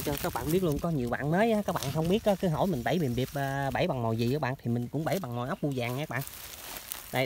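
Chatty, fast-talking man outdoors. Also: medium pitch, darkish tone. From southern Vietnam. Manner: chatty, addresses viewers constantly. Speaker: trapping vlogger. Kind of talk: casual outdoor vlog narration. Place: outdoors in rural orchards and canal banks. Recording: noisy outdoor field recording.

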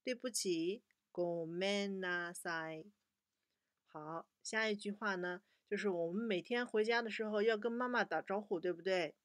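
A patient young woman teaches children in a close, dry recording. She talks at an even, middling pitch and slows right down whenever she models a word for the kids to repeat. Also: dry recording. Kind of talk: children's language lesson.

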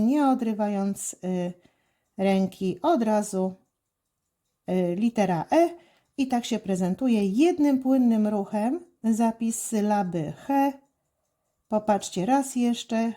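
Calm, deliberate woman teaching handwriting. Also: mid-range voice. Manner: calm, deliberate, many "e" fillers. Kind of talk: slow step-by-step instruction.

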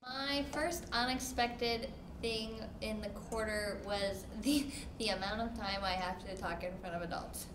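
A woman's voice: mid-range voice, fairly even intonation, measured pace, hardly any pauses. A young woman, a paraeducator studying to teach, giving upbeat interview answers in a classroom. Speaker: paraeducator and student. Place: classroom, indoors. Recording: echoey classroom with audible noise.

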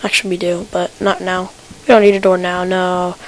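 A woman's voice: lowish voice, little pitch movement, normal speed, poor audio. A woman giving casual gameplay commentary at her computer, rambling and talking to herself with stutters and restarts. Her keyboard clicks are picked up by the desk mic. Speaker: gamer. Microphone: desk computer mic picking up keyboard clicks.

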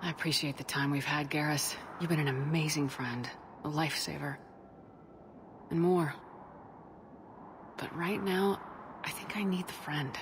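A woman voicing a steady, wry, affectionate military space commander in a video game, understated and dryly teasing. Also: sits low, measured pace, long pauses, noisy background. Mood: gentle, sincere.

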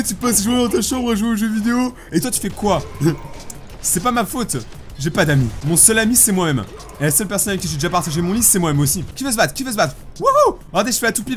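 A young man commentating his own game playthrough in a joking, self-mocking way, with sudden loud outbursts. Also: sits high. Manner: animated, self-mocking, bursts of shouting. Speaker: gaming YouTuber. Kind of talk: joking let's play commentary. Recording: faint background music.

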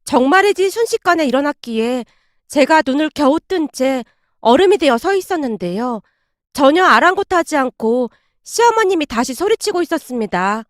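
Casting: woman storyteller, very high and lively voice, dry close recording. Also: moderate pace, no room sound. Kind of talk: scripted first-person story narration.

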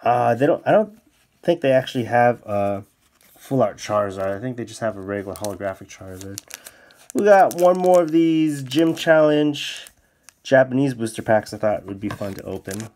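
A man casually commenting as he opens card packs off camera, bursting into high excited exclamations. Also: moderate pace. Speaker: card-opening YouTuber. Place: indoors at a desk, off camera.

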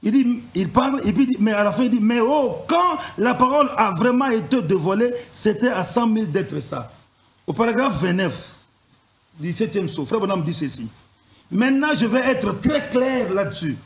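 A man with an unusually high voice reads and paraphrases sermon passages, stopping and restarting as he goes. His voice bounces around an echoey room. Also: lively intonation, moderate pace, a little hiss or hum. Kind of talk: reading and paraphrasing sermon quotations.

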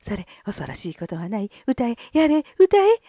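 A woman plays a greedy peddler who calls to crowds in a high, fawning, lively voice, all sales pitch and flattery. The recording is dry and close. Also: measured pace, no room sound, full character voice. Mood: pleading. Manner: shrill, fawning, hawker's calls.

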